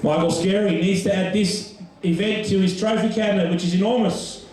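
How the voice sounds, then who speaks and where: A man's voice: high voice, steady tone, brisk, darkish tone. A man working as an auctioneer, calling bids live in short, repeated phrases of figures and names. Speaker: auctioneer at a pool tournament calcutta. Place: large echoey indoor venue with a bar. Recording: echoey room, distant from the mic.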